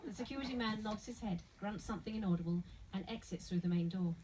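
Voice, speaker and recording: A woman's voice: mid-range voice, fast, warm tone, slight background noise. Woman narrating a screenplay, slightly distant. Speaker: narrator reading stage directions. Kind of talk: scripted narration at a screenplay table read.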